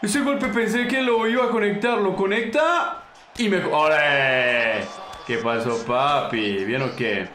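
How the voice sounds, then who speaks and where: A young Colombian man commenting casually on his own fighting game, slangy and excitable, taunting his opponent and yelping at big moments. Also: fairly high pitch, takes it slowly, roomy sound. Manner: excitable, slangy, talks to the opponent, bursts into yelps. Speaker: gaming channel host.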